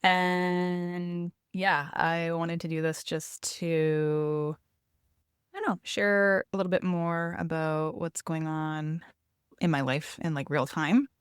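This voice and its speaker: A woman's voice: lowish voice, little pitch movement, slow, clear, resonant tone, no room sound, studio quality. A woman podcast host chatting casually in a solo intro, recorded inside a small RV trailer.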